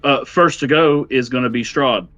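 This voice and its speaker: A man running a tabletop game as game master, easygoing and quick to laugh. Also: medium pitch. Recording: dull dry sound, faint music.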